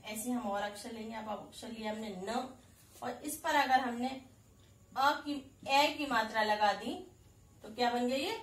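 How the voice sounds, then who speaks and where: High-voiced teacher, slow and echoey. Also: female voice, distant mic. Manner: slow, drawn-out sounding of syllables, repeating for children; addresses pupils as 'beta', asks and answers own questions. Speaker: kindergarten Hindi teacher. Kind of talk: recorded online class lesson. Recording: echoey room, voice a little off-mic.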